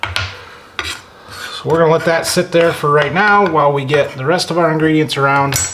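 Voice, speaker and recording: A man's voice: fairly high pitch, steady tone, moderate pace. Man hosting a cooking show, noisy kitchen. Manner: folksy, explains each step to viewers. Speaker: home cooking show host. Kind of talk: casual cooking show demonstration, talking while working. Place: home kitchen, indoors. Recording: clear background noise, kitchen clatter.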